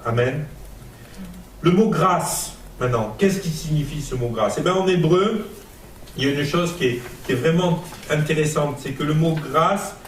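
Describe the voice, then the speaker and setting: A man's voice: a little high, expressive, moderate pace, roomy sound, distant mic, a little hiss or hum, rough recording. A man preaching a sermon with a Marseille accent, emphatic and rhetorical, repeating phrases and building to fervent peaks. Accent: Marseille French.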